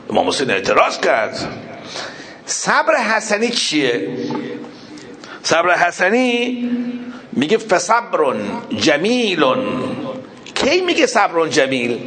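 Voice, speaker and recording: A male preacher delivers a storytelling sermon with a slightly high voice that swings widely in pitch. He asks his listeners questions and answers them himself. He jumps between near-shouted exclamations and hushed, low asides. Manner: animated, acts out dialogue in raised voices, then drops to a low murmur.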